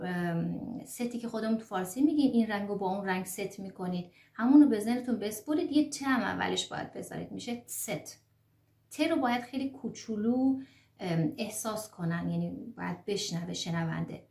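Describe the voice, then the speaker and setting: A woman teaching an online language lesson, pronouncing letters one by one slowly and carefully, with small fillers as she explains. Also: mid-range voice, creaky, a little mellow, echoey room. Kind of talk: online lesson on the German alphabet.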